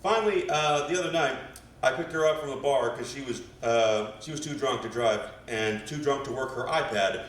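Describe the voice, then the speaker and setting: A fairly bright, medium-pitched voice at a moderate pace belongs to an American man of West Virginia family doing stand-up at an open mic. In a small live venue, his rambling, hesitant set trails off into asides, recorded from a distance in an echoey room with faint noise.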